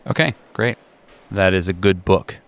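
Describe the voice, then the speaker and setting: A man with a low-pitched voice acts as game master for an improvised tabletop game. His narration is conversational and halting, with words often repeated.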